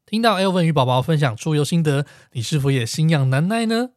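A man's voice: fairly high pitch, expressive, brisk, darkish tone, no room sound, clean studio sound. A man with a Taiwanese Mandarin accent hosting a travel podcast in an upbeat way. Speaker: podcast host.

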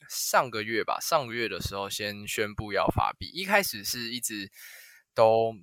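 A man's voice: on the low side, animated, normal speed, fairly bright tone, dry recording. A man with a Taiwanese accent chatting casually as a podcast host. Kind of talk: casual chat.

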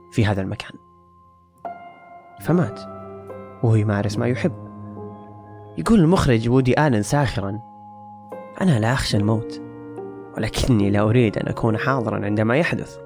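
Guy hosting a podcast, quick and earnest, bit of soft music under him. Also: medium pitch. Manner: earnest, wry, measured essay delivery. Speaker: podcast host. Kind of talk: reflective scripted podcast monologue.

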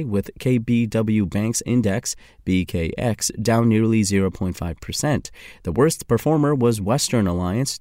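A man reading scripted financial news in a formal, measured manner. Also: lowish voice, a little mellow, dry recording, studio quality. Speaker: news reader.

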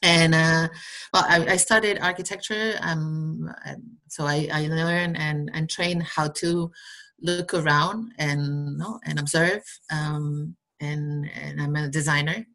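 Low-voiced woman with a Basque Spanish accent. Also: fairly even intonation, pushed and bright. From Basque Country, Spain. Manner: halting, rambling, tags phrases with "no?". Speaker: interview guest, entrepreneur. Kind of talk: casual conversational interview answers.

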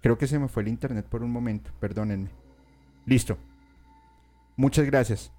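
A man's voice: medium pitch, moderate pace, warm tone, faint music behind. A man, chatting live to his viewers as he comments on a mystery story and speaks to them directly. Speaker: streamer.

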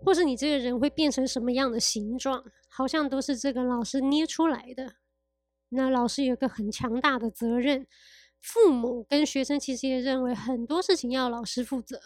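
A woman chatting casually, telling lively anecdotes and laughing often. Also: sits high, moderate pace, dry recording, studio quality. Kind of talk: casual chat.

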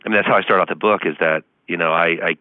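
Fast-talking deep-voiced man on a phone line. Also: fairly even intonation, smooth, dry recording. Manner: fast, earnest, many fillers. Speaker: law professor, guest. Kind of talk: interview answers over the phone.

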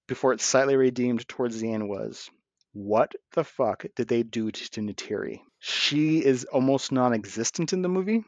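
A man's voice: mid-range voice, dry recording, dull audio. A man with a lisp from his braces, co-hosting a casual film review podcast in an opinionated, loosely profane way. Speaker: podcast co-host.

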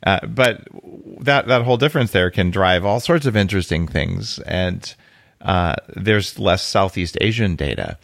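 A man hosting a podcast interview, chatting casually in an animated, joking, self-deprecating way. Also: sits low, measured pace, gravelly, no echo. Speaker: podcast host.

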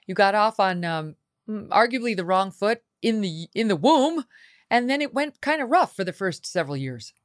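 A woman hosting an interview podcast, talking in a chatty, animated way with quick asides. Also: medium pitch, dry recording, studio quality. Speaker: podcast host. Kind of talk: casual interview chat.

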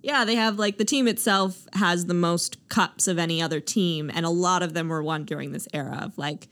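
A woman's voice: on the low side, normal speed, fairly bright tone. Woman chatting as podcast host. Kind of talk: casual podcast chat.

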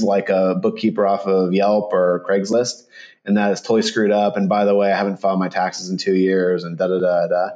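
A man's voice: on the low side, darkish tone. Man, podcast guest, casual interview talk, chatty, informal, self-deprecating, muffled lo-fi call sound. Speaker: podcast guest, startup accounting firm founder. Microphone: remote call with headphones.

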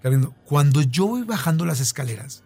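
A man's voice: fairly high pitch, animated, brisk, warm tone, husky. A man with a Mexican accent telling a long story in casual chat, with many fillers and repeats.

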